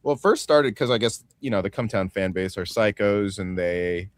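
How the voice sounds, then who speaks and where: A man's voice: fairly low pitch, lively intonation, normal speed, no echo. Rambling man telling a story, dry sound. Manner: rambling storyteller with restarts and mock voices. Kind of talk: casual chat.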